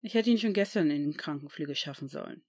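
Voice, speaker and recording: A woman's voice: sits low, animated, fast talker, darkish tone, slightly rough, voice pushed down, heavily acted. Caring teen boy wizard, earnest and plain; woman reader's own voice.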